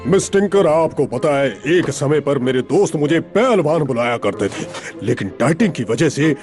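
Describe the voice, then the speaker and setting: Brief: male actor as a centuries-old strongman father in a cartoon. tinged, bragging and hearty, with a lively voice that sits a touch high for a man. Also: moderate pace, soft background music, natural voice. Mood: boastful. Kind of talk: animated cartoon dubbing.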